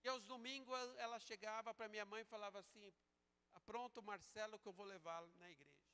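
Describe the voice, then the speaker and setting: A man preaching a sermon as a pastor, moving between slow emphatic calls and quieter storytelling. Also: high voice, steady tone, smooth. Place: church sanctuary. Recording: church sanctuary with long reverb.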